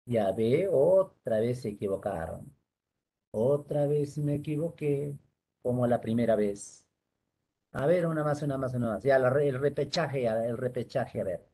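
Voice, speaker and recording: A man's voice: mid-range voice, a little slow, dark tone, slightly rough. A male teacher giving an online lesson on rules, patiently spelling words out syllable by syllable.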